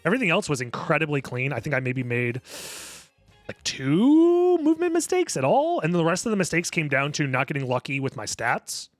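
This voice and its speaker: A man's voice: mid-range voice, fast, few pauses, a bit bright, dry recording. A man giving casual speedrunner commentary, explaining his play analytically, step by step. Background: music under the voice.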